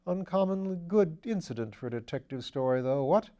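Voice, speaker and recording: A man's voice: fairly high pitch, animated, mellow, lo-fi sound, voice pushed up, natural voice. Lord Peter Wimsey, a man doing a chirpy upper-class sleuth. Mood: breezy. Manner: chatty, upper-class slang, brisk and eager. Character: breezy aristocratic English gentleman sleuth, man. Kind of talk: audiobook character voice.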